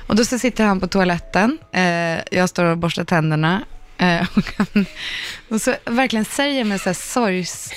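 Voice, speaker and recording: A woman's voice: mid-range voice, smooth. A woman who acts and does comedy, a guest on a radio show, telling stories in casual chat and laughing often. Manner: animated storyteller, laughs often.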